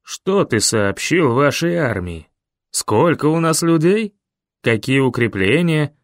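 A man voicing a calm, stern older leader who speaks in a measured, grave way. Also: on the high side, dry recording, studio quality, exaggerated voice.

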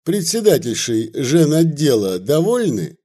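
A man's voice: a little high, very animated, a little slow, warm tone. A man reading aloud and voicing a courteous, questioning official from the city. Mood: polite. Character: polite bespectacled city official, earnest.

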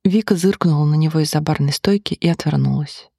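An audiobook narrator reading a novel in an even, measured way. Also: mid-range voice, creaky, husky, no room sound, studio quality.

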